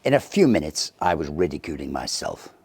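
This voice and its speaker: This is an audiobook narrator, a man whose low, rough voice carries a Victorian ghost story. Measured yet dramatic, he swoops through lines and lets pauses hang, sounding every bit the traditional teller of tales, with no room sound behind him.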